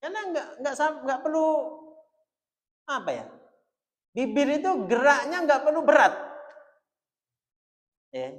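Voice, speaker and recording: Guy teaching in a mosque, voice jumps all over, long echo off the hall. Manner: chatty, mixing in Javanese, lively swings in pitch. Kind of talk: religious study talk.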